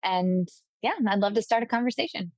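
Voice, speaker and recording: A woman speaks as a podcast guest, giving practical business advice in an upbeat, eager way. Her voice sits at an ordinary middle pitch. The sound is dry and close, with no room behind her. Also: brisk, a little mellow, dry recording. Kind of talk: casual interview talk.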